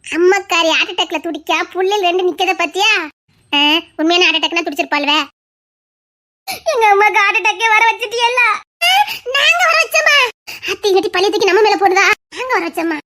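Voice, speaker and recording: A woman's voice: very high voice, animated, a little fast, sharp tone, exaggerated voice. A woman performing a family comedy skit, wailing and crying out in exaggerated mock distress. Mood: comic wailing.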